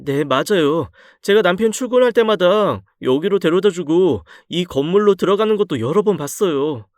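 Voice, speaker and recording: Storybook drama: male reader playing an anxious, furious young wife, high-pitched and swinging. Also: animated, moderate pace, darkish tone, no room sound, clean studio sound. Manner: shrill, emotional pleading. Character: distraught young wife, shocked and angry.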